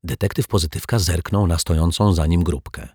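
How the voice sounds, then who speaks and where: A man's voice: brisk, breathy edge, no room sound, clean studio sound. A man reading a children's detective story aloud, narrating and giving the characters their own voices. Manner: lively, voices characters with pitch shifts. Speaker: audiobook narrator.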